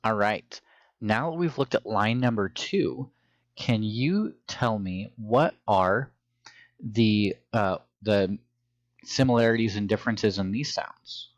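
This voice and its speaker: A man's voice: on the low side, slow, dry recording, lo-fi sound. A man teaching a phonics and reading lesson to young children, with patient, encouraging instructions.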